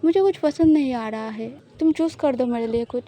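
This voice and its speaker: A woman's voice: high-pitched, a little fast, dark tone, close to an everyday voice. A woman voicing a confident, teasing young woman who playfully reassures her partner in an audio love story.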